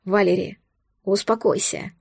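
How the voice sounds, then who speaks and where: A woman voicing a thousand-year-old male dragon, anxious and tender, speaking low and pleading in an audiobook. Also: steady tone, measured pace, gravelly, a little mellow, no echo, studio quality. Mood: alarmed.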